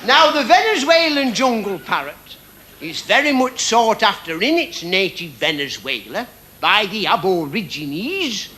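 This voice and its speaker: A man performing a comic mock lecture on stage as a ventriloquist, with formal, deliberate, mock-scholarly phrasing. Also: sits high, very animated, pushed and bright. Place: on stage at a live show. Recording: very noisy live stage recording.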